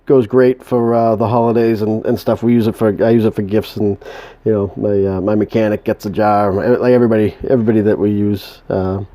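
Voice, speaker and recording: This man's voice is on the low side and warm, with little movement in pitch, carrying a New England accent. As a home cook showing a recipe in a relaxed kitchen demo, he mumbles, stalls and keeps starting over.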